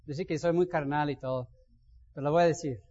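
A man preaching a sermon as a pastor, swinging between loud bursts and soft asides. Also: fairly high pitch, steady tone, a little fast. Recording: dull sound with long reverb.

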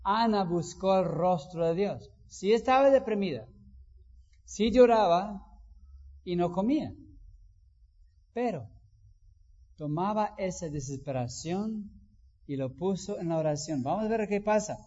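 Man, sermon, high voice, unhurried, dull recording with long hall reverb. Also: expressive. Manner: acts out quoted voices, rising to loud emphasis. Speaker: preacher.

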